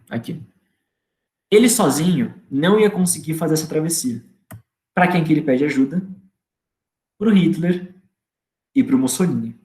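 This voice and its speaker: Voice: mid-range voice, a little mellow. A history teacher with a Brazilian accent giving a casual lecture, speaking in an informal, slangy way and asking students rhetorical questions. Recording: echoey room.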